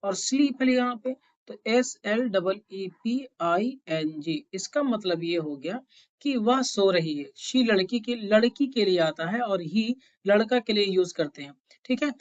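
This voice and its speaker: A woman's voice: medium pitch, lively intonation, normal speed, a little mellow, lo-fi sound. Patient woman teaching spoken English. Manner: explains patiently, repeats words, keeps checking in with listeners.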